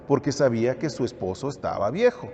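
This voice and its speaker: A man's voice: medium pitch, very animated, fairly quick, warm tone, a little hiss or hum. A man teaching a Bible study, asking the listeners questions and then answering them himself. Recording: echoey hall, dull lo-fi sound.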